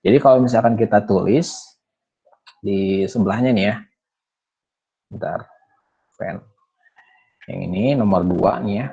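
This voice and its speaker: Young Indonesian man as a math teacher, casual chatty delivery, husky mellow voice, dull lo-fi sound. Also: on the low side, measured pace, long pauses. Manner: casual, chatty explaining with many fillers and tags. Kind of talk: online math lesson.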